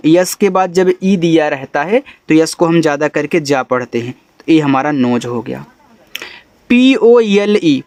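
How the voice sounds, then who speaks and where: A man, teaching English phonics, spelling letters out slowly and sounding words out in a chatty way. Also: high-pitched, a little mellow, no echo. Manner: calls the listener brother, chatty teaching. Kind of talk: phonics lesson for beginners.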